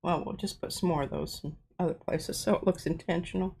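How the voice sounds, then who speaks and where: In her home art studio, a craft show host demonstrates her work while chatting in a self-deprecating way, her nose a bit stuffy. Her voice is fairly low, steady and a little fast, with a gravelly, husky, darkish tone.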